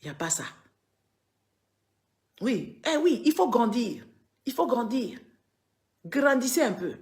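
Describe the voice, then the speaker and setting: A woman's voice: a little high, very animated, measured pace, darkish tone. A woman from Congo, giving political commentary on a live stream. She lectures her viewers, scolding and emphatic, and repeats words for force. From Democratic Republic of the Congo.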